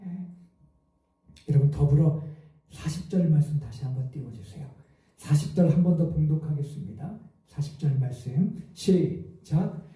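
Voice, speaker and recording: High-voiced pastor in an echoey church. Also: male voice, animated, moderate pace, warm tone. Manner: storytelling, acts out quoted voices with rising emotion. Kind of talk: sermon. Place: church sanctuary. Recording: echoey hall, mic at a distance.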